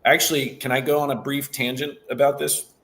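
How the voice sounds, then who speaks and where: A man's voice: mid-range voice, brisk. A man who draws cartoons and writes, rambling in casual group discussion with many fillers. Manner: rambling, filler-heavy, animated.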